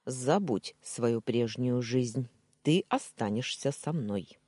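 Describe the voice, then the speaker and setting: A stern, domineering man, read by a woman speaks in short, calm, quietly menacing orders. The voice is slow and husky, with a dark warmth, like a romance audiobook reading. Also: a bass voice, dry recording, clean studio sound, heavily acted. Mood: cold, commanding.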